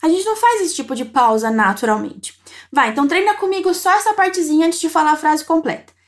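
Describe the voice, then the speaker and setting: A woman teaching Italian phrases, encouraging the listener and saying model sentences slowly to be repeated. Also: very high-pitched, expressive. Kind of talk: language lesson narration.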